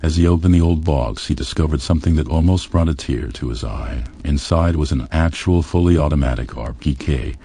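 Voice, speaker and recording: Very deep, dark-voiced male narrator. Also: fairly quick, hardly any pauses, husky. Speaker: audiobook narrator. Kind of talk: crude comedic story narration.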